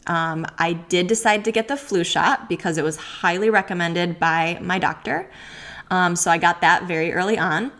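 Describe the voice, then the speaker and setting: A woman's voice: lowish voice, moderate pace, fairly bright tone. A pregnant woman in her thirties hosting a solo podcast Q&A, talking candidly with many likes and ums and frequent laughs. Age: 30s. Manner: laughs often while talking. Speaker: podcast host.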